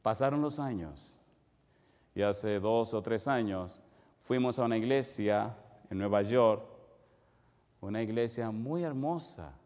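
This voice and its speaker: A male pastor preaching a sermon, moving from quiet storytelling to loud, rising calls with repeated questions. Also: mid-range voice. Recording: long hall reverb.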